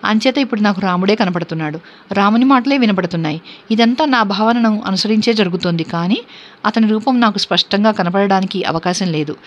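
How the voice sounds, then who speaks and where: A woman's voice: medium pitch, a little fast, close to an everyday voice. Woman reading as a grieving captive princess. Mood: anxious. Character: grieving captive young princess, devoted wife. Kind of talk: scripture reading. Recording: dull lo-fi recording.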